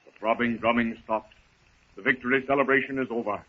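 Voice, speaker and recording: A man delivers florid, theatrical scripted narration in the style of a 1930s radio serial, at medium pitch with a steady tone and fairly quick pace. The recording is noisy and tinny, like 1930s radio.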